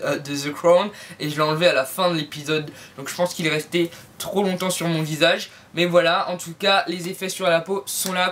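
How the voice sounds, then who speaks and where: A woman's voice: fairly low pitch, slight background noise. A woman reviewing beauty products in a casual vlog from home, talking to viewers with playful, jokey asides. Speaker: beauty vlogger.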